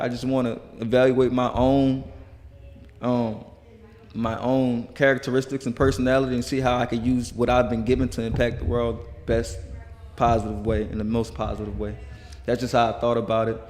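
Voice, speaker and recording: Male guest, earnest and rambling, flat voice, reverberant hall. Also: medium pitch, moderate pace. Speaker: guest musician. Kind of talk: casual interview talk.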